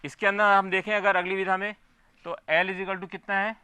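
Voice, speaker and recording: A man's voice: high voice, level tone, moderate pace, bright, forceful tone, smooth, dry recording. A man teaching a physics class, explaining step by step and often asking his students whether they follow. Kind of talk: classroom lecture.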